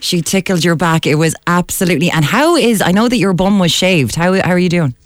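A woman's voice: lowish voice, lively intonation, fairly quick, no room sound. A woman with an Irish accent hosting a light live radio interview. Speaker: radio host.

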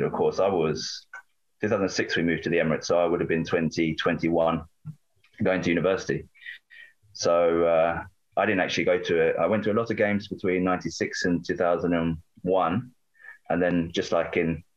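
A man's voice: low voice, dull audio. A man in his late thirties from England with a southern English accent, a book author talking over a remote line, rambling with frequent restarts and self-corrections. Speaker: author and guest. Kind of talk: remote interview chat.

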